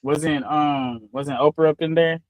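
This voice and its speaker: A man's voice: a little high, steady tone, a little slow, no echo, muffled recording. A man on a casual panel show making wry, teasing remarks. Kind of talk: casual banter.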